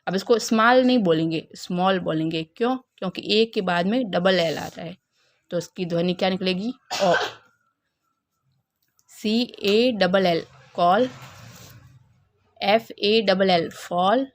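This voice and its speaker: A woman teaches a phonics lesson at a slow, steady pace. She spells out letters one at a time and repeats her own questions. Her voice sits in a middle pitch.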